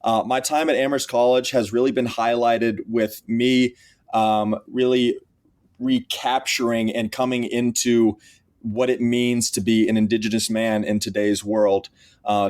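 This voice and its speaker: A man's voice: on the low side, flat delivery, unhurried, darkish tone. Earnest young man telling his story. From Texas. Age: 20s. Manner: earnest storytelling with frequent restarts. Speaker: guest, college athlete. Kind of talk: podcast interview.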